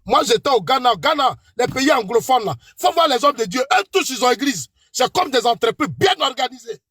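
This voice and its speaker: A man's voice: extremely high pitch, animated, fairly quick, pushed and bright, dry recording, clean studio sound. A man from Ivory Coast with an Ivorian French accent, delivering an emphatic, accusing political rant straight at a rival and repeating the rival's name. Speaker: political commentator. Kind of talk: heated rant addressed to a rival.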